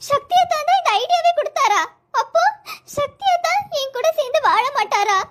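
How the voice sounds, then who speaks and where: A performer voicing a stubborn, sharp-tongued young wife who scolds fast and later softens. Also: extremely high pitch, expressive. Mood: hurt.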